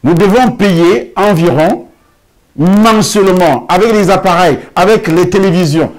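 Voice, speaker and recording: Emphatic preaching man, slightly high. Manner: emphatic preaching, drawn-out phrases, rhetorical questions. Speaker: pastor. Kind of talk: sermon with a testimony. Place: church hall.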